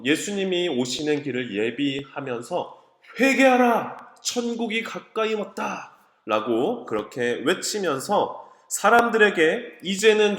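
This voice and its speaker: Man, children's sermon, fairly high voice, emphatic storytelling, echoey hall. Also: a bit bright. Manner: storytelling, slow and emphatic with rising exclamations. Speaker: children's ministry preacher. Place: church sanctuary.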